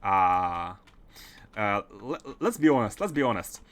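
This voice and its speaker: An unhurried man with a Russian accent chats casually while gaming on a livestream, often restarting and repeating himself. His fairly low, fairly bright voice swings widely in pitch.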